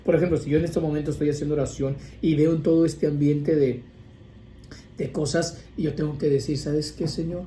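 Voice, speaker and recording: Mellow-voiced priest preaching in an echoey room. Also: male voice, fairly high pitch, steady tone, fairly quick. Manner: conversational, rambling with restarts and asides. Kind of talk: informal sermon on prayer. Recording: echoey room with faint ambient noise.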